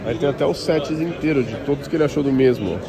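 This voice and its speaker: The recording here is rough: a fast-talking man with a fairly high voice and a Brazilian Portuguese accent chats informally, using slang, as he vlogs his way through a busy toy convention. He's a toy collector and vlogger filming on the move, and the convention crowd's chatter and noise surround him.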